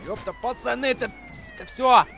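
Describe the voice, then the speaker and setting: A young man hosts a gameplay video in a very high, bright, forceful voice. His pitch jumps around as he exclaims excitedly in street slang. Faint game noise sits behind him. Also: brisk, creaky. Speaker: gaming video host.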